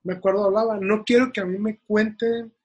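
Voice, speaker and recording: Husky-voiced enthusiastic Mexican host. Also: medium pitch, fairly even intonation, fairly quick, darkish tone. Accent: Mexican Spanish. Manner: enthusiastic, exhorting listeners. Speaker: podcast host. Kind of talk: casual interview.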